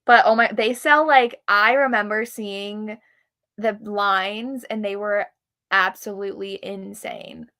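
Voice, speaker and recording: On a live readalong program, this woman talks slowly and steadily in a mid-range, sharp-toned voice as she and a friend casually gush about authors and events. She's an enthusiastic fan who laughs readily.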